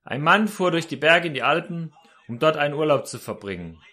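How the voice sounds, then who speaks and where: A man's voice: on the high side, animated, brisk, sharp tone. A man preaching a sermon, telling a story and speaking directly to his listeners.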